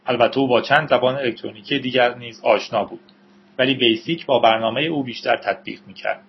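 Husky male audiobook narrator. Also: mid-range voice, muffled recording. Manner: steady storytelling with a brief aside to listeners. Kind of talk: novel read aloud.

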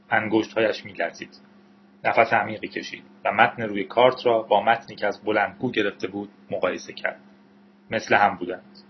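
Measured male audiobook narrator. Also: lowish voice, a little hiss or hum. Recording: dull lo-fi recording.

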